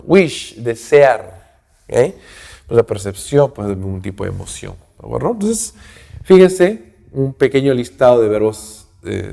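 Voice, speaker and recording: Slow gravelly man teaching with constant "¿no?". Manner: slow and repetitive, checks in with "¿no?" and "¿ok?" constantly; says English words louder and higher, then the translation. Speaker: English teacher. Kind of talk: recorded grammar lesson. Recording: long hall reverb.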